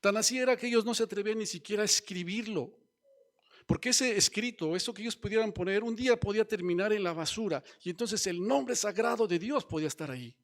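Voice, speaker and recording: Man pastor teaching in a sermon, bit high voice, keeps asking the church questions. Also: fast talker. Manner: teaching, asks the congregation questions.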